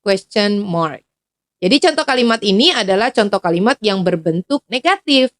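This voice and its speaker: A woman from Indonesia teaching an English grammar lesson in a casual, chatty way, with fillers and quick self-corrections. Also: mid-range voice, expressive, no room sound. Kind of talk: explanatory lesson to students.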